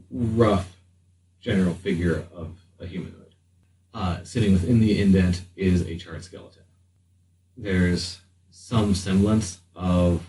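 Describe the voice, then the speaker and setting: A man with a deep, slightly mellow voice narrates a tabletop game as game master, speaking slowly and haltingly with pauses mid-sentence. He sits far from the mic, and the recording sounds roomy with faint noise.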